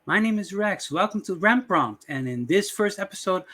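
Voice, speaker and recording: Hosting his channel, a middle-aged man from the Dutch West Indies opens a casual screen-share tutorial in a Dutch accent, rambling with lots of fillers. His voice sits high, sharp and expressive, at a moderate pace.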